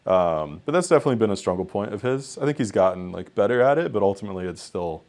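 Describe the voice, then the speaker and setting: Deep-voiced young guy coaching, kinda rambly, lots of um and like. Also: lively intonation, quick pace, a little mellow. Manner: candid, rambling, frequent ums and likes. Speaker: esports head coach. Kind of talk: post-match interview.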